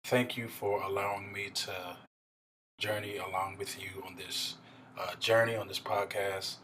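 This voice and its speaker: Low, unhurried man laughing through a shout-out. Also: little pitch movement, background noise. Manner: laid-back, laughing, joking. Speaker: podcast producer. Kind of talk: recorded congratulation message.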